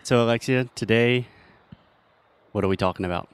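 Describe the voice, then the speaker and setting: A man's voice: medium pitch, moderate pace, clear, resonant tone. A man hosting an English-learning podcast, teasing his guest and explaining grammar patiently with examples. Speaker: podcast host and English teacher. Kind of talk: casual teaching chat.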